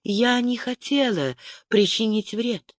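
A man reading an audiobook voices a frightened young noblewoman disguised as a boy, pleading in a high, urgent voice. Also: takes it slowly, dry recording, studio quality. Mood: protesting.

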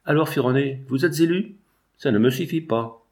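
A man's voice: mid-range voice, normal speed, darkish tone, pitched above the performer's own voice, natural voice. A man voicing a blunt, wealthy male factory owner who talks in a curt, dismissive way.

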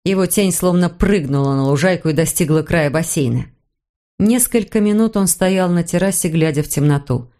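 A woman reads a suspense novel aloud in the first person. Her delivery is calm and measured, and her voice sits slightly low. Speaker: audiobook reader. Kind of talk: scripted narration.

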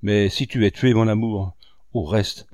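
A man's voice: fairly low pitch, fairly even intonation, unhurried, darkish tone, dry recording, natural voice. Male reader doing a tearful, imploring lovesick wife in an audiobook; dry booth sound. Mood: anxious. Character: desperate lovesick married woman, pleading. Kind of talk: audiobook character reading.

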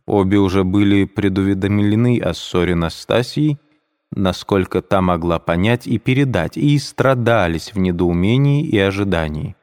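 Low-voiced man reading a classic novel. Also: moderate pace, darkish tone. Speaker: audiobook reader. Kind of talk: scripted narration. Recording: long hall reverb.

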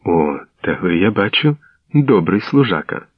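A proud, gray-haired noblewoman, as a male narrator puts her on, speaking with calm, restrained dignity. The reading is deep, dry and dull like an old radio broadcast. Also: measured pace, breathy edge, dry recording, exaggerated voice. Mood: dignified.

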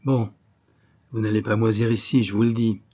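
A man's voice: lowish voice, flat delivery, moderate pace, dark tone, lightly acted. A man as a curt, scolding doctor. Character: stern, angry middle-aged male doctor.

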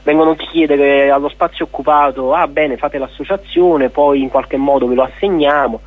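In a dull, lo-fi radio interview, a man with a fairly high, steady voice speaks at normal speed in a dry recording. He's an activist from an occupied cultural centre, explaining things articulately and argumentatively and posing rhetorical questions.

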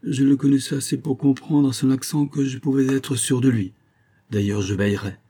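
A man reading a classic story aloud as an audiobook, in a measured, cold and commanding manner. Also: medium pitch, fairly even intonation, warm tone, slightly rough. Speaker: audiobook narrator.

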